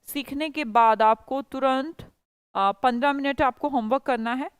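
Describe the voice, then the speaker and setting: A woman teaching English runs an online class, coaxing her students and quizzing them over and over. Her voice sits a little high and comes through smooth and resonant. The sound is dry and close, with no room echo. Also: a little slow.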